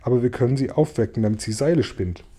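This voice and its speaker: A man reading a storybook aloud, voicing a sharp, excitable old grasshopper. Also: medium pitch, quick pace, husky, close to an everyday voice. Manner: sharp, eager.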